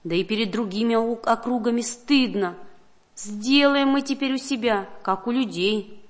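A woman's voice: fairly high pitch, moderate pace, in a large hall, close to an everyday voice. A woman reading aloud and voicing an angry, demanding crowd of townsfolk in a folk tale. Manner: rowdy, demanding shouts.

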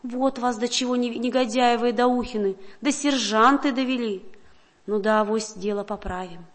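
A woman's voice: on the high side, steady tone, moderate pace, close to an everyday voice. A woman doing a tearful pious old man. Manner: sanctimonious, tearful preaching.

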